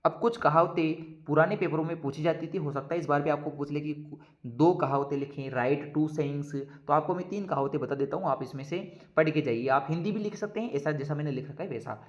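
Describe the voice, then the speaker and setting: A male teacher with a fairly high voice runs through an exam-prep lesson in Hindi. He explains each point, says it again in other words, and slows right down to dictate the English phrases. The recording sounds dull and lo-fi.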